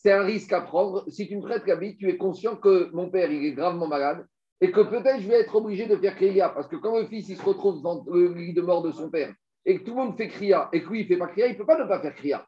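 Animated man teaching a Talmud class. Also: sits high, brisk. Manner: explains step by step, rhetorical questions, animated. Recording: dull lo-fi recording.

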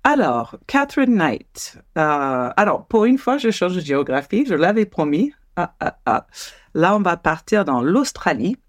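A woman's voice: on the low side, very animated, a little slow, no room sound. Chatty woman telling a story, dry close sound. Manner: chatty, hesitant with frequent fillers. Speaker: podcast co-host, storyteller. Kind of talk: casual true-crime storytelling.

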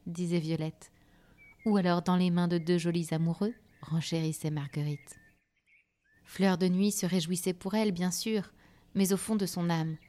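Gentle woman telling a children's tale. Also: fairly low pitch. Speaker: storyteller. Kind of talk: children's story narration.

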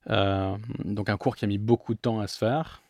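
A man's voice: on the low side, fairly even intonation, normal speed, a little mellow, dry recording, clean studio sound. A young man from England, a filmmaker guest in a casual interview, giving long rambling answers.

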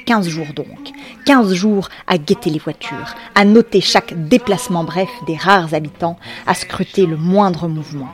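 A woman's voice: on the low side, unhurried. A woman reading a scripted second-person story with wry, ironic asides and a few slangy touches. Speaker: narrator.

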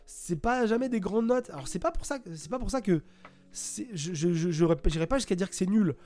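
Guy rambling through a game review at his computer, mellow voice, lots of uh and restarts, faint music behind. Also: high voice, animated, fairly quick. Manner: hesitant, many fillers and restarts. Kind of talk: casual spoken game review. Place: home, at a computer.

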